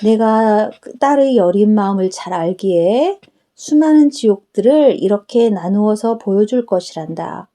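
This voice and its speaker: A woman's voice: mid-range voice, animated, unhurried, warm tone, lightly acted. A woman preacher voicing Jesus as a tender, solemn, fatherly figure who instructs her. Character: Jesus, gentle fatherly male divine voice.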